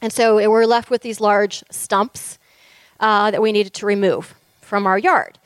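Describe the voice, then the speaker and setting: A woman's voice: mid-range voice, steady tone, unhurried, smooth, no echo. A woman co-founder of a ministry telling a church group her story in a candid, heartfelt testimony with light laughter.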